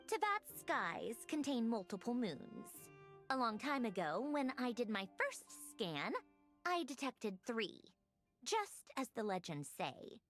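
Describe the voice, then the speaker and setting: A woman's voice: fairly high pitch, very animated, slow, fairly bright tone, faint music behind, full character voice. A woman voicing an irritable, brilliant scientist in a video game, curt and sarcastic when annoyed. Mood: musing. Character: irritable brilliant female scientist, impatient and sharp. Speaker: game character.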